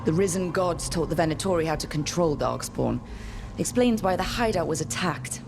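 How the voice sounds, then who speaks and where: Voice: medium pitch, normal speed, vocal fry, close to an everyday voice. An actor playing a resolute young hero and leader in a fantasy video game, direct and determined. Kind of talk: dramatic video game acting. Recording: faint music behind.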